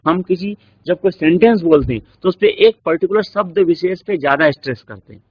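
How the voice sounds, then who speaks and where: A man with an Indian accent giving a classroom lecture, explaining slowly with many examples and rhetorical questions. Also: high voice, expressive, slightly rough. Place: classroom studio. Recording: dull lo-fi recording.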